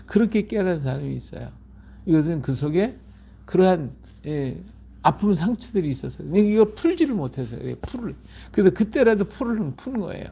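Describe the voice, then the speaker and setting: A middle-aged man preaching a Bible-reading sermon with a gravelly, fry-heavy voice that sits a little high for a man. He talks emphatically, repeats himself and keeps checking that his listeners agree. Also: very animated, a little fast, warm tone. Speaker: pastor.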